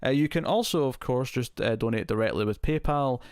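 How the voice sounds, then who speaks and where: A man hosting a casual live stream, chatting to viewers and thinking aloud, his voice heavily compressed to an even level on a close mic. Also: mid-range voice, a little fast, no room sound.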